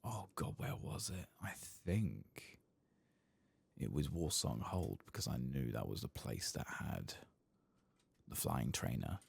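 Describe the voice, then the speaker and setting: This gameplay channel host offers ASMR-style video game commentary, his very deep, gravelly voice kept hushed and soft, at times dropping to a whisper. He takes his time, with a sing-song lilt.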